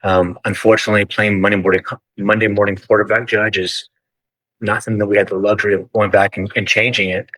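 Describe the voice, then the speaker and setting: A man arguing formally in court as a defense attorney, measured and deferential to the judge. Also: on the low side, level tone, fairly bright tone, no echo, poor audio.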